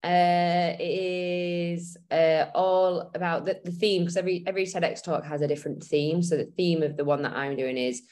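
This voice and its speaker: A woman's voice: on the low side, fairly even intonation, normal speed, hardly any pauses, a little mellow. A woman co-hosting a health and fitness podcast, chatting casually and rambling with fillers as she explains. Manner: rambling, many fillers and restarts. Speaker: podcast co-host.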